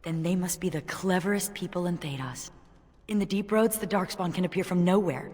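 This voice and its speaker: A woman's voice: on the low side, fairly quick, darkish tone, long reverb tail, natural voice. An actress playing an earnest, curious young warrior woman in a video game, a reflective survivor who speaks with wonder. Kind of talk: video game character acting.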